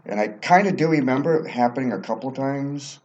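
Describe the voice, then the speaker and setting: A man's voice: mid-range voice, brisk, darkish tone. A man telling personal anecdotes casually as an interview guest, recorded in a basement with muffled sound. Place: library basement.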